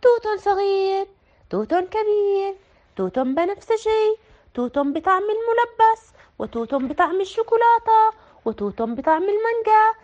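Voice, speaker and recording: A woman reading a children's picture book aloud in an expressive, sing-song way. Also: very high voice, dull audio. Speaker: storyteller.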